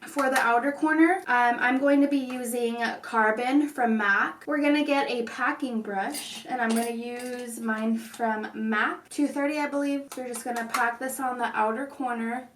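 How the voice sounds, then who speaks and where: A woman's voice: on the high side, steady tone, normal speed, hardly any pauses, fairly bright tone, slight background noise. A woman hosting a casual makeup tutorial, speaking with slightly odd, constrained articulation. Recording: echoey room, distant mic.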